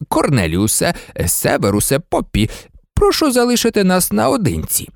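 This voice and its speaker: A reader voicing a calm, wise old male headmaster in a storybook, firm and unhurried. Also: medium pitch, creaky, dry recording, studio quality, pitched above the performer's own voice.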